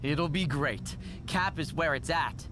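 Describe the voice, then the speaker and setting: Over music, an actor lightly plays a nervous, fawning wrestling manager rambling anxiously in a video game cutscene. His voice is on the high side and unhurried.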